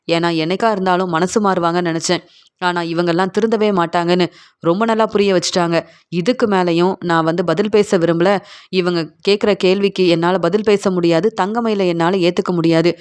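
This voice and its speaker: A woman's voice: on the low side, lightly acted. A woman reading the lines of an angry young husband who is confronting his in-laws, in a retelling of a TV serial scene. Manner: indignant, accusing.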